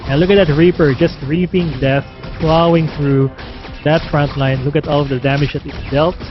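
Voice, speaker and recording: A man's voice: a little high, steady tone, moderate pace. A man giving live commentary on an esports match, talking conversationally with frequent fillers. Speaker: esports caster. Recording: dull lo-fi stream audio with game music.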